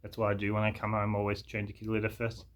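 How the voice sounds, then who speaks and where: A man's voice: lowish voice, monotone, very fast. A man telling a story in a casual, rambling way, full of fillers and restarts.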